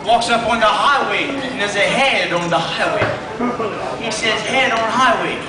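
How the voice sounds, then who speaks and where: A Cajun-accented male comedian spins folksy stand-up tales in a high voice. He is recorded from far off in a very echoey room, with loose, drawling delivery. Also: normal speed. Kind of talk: stand-up storytelling to a live crowd. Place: live comedy room with audience. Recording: echoey noisy club, far off, loud crowd.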